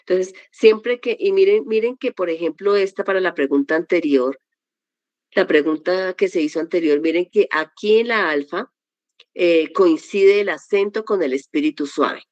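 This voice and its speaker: A woman's voice: fairly low pitch, moderate pace, a little mellow, no room sound, lo-fi sound. A woman teaching a Greek vocabulary class, explaining pronunciation step by step with patient examples. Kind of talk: classroom lesson.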